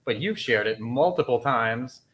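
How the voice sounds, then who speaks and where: A man's voice: medium pitch, lively intonation, measured pace, noisy background. A man hosting a casual interview, teasing his guest with mock outrage. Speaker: host.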